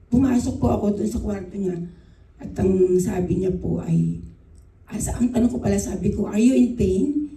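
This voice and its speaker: A Filipino woman giving a church devotion, mixing Tagalog and English, unhurried, with frequent restarts. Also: medium pitch, mellow. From Philippines. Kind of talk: devotional talk with a personal story. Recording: echoey room, speaker far from the mic.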